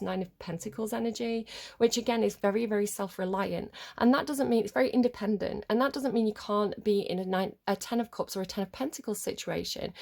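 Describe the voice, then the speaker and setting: Woman, stuffy-nosed with a cold, medium pitch, chatty tarot reading, informal, rambling. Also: vocal fry, a little mellow. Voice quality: slightly muffled, congested nose. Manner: rambling, informal, often checks with "right?". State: has a head cold. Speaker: tarot card reader.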